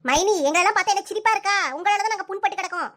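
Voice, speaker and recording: A woman's voice: extremely high pitch, rapid-fire, fairly bright tone. A woman voicing a touchy, quarrelsome young sister-in-law in a comic cartoon, trading insults in a Kanyakumari Tamil accent. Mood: sulky.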